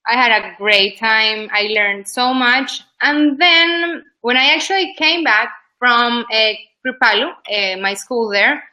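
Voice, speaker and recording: A woman's voice: fairly high pitch, steady tone, slow pace, few pauses, bright, forceful tone, rough recording. A woman, chatting loosely as an interview guest about her work as a yoga teacher. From Ecuador. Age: 20s. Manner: chatty, loose, many "like" fillers. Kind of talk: casual interview chat.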